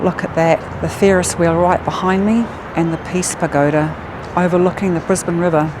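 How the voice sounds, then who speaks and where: A travel vlogger with a New Zealand accent walks through a city at night, talking into an action camera and mixing facts with quick, delighted exclamations. She's chatty and easily impressed, with a lowish voice and fairly even intonation. Street and traffic noise sit clearly behind her.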